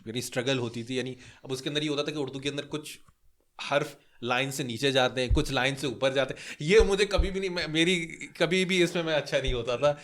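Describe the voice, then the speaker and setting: A man's voice: medium pitch, a bit bright. A young man from Pakistan on a podcast, chatting casually and rambling through a story with many fillers. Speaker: podcast co-host.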